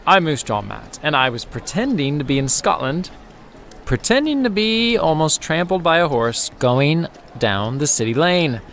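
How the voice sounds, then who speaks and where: A man's voice: fairly high pitch, very animated, moderate pace, a bit bright, slight background noise. A man hosting a children's science podcast, explaining facts step by step in a playful, friendly way. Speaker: host of a kids' science podcast. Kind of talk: educational podcast narration for children.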